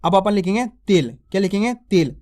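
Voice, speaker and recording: A man with a fairly high voice teaches beginners to read, patiently breaking words into syllables and saying each one slowly. He repeats every word and keeps checking that the listener follows along. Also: lively intonation, a little mellow. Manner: draws out syllables and stresses sounds when spelling. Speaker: Hindi reading teacher. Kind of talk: slow spelling lesson for beginners.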